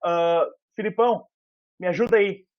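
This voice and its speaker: A man's voice: high-pitched, moderate pace. A man giving an informal university lecture over a video call, explaining aloud with frequent fillers. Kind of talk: online lecture. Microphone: headset. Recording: muffled video-call audio.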